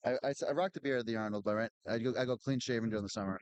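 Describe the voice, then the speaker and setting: A man calls a strongman event with a loose, chatty, knowledgeable delivery, often restarting his sentences. His voice is smooth and clear at a middle pitch. The sound is dry and close. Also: racing, a little mellow, no room sound, lo-fi sound. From Boston area. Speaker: commentator. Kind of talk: live event commentary.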